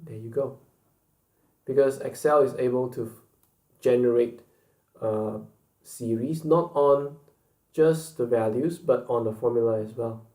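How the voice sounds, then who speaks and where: A man walks through a screen-recorded software lesson at an unhurried pace, repeating key points as he goes. His voice is mellow, and the room around him gives it a noticeable echo. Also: mid-range voice, fairly even intonation. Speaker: instructor.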